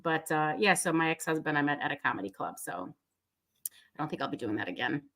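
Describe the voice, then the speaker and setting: A woman's voice: deep voice, animated, brisk, a bit bright. A woman in her forties, a comedian and guest, telling stories in a chatty, playful way with lots of fillers. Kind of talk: casual comedic storytelling.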